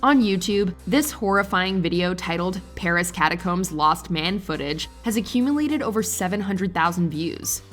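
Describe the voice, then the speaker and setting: Woman narrator, lowish voice, scripted countdown, faint music behind. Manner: even, measured countdown delivery.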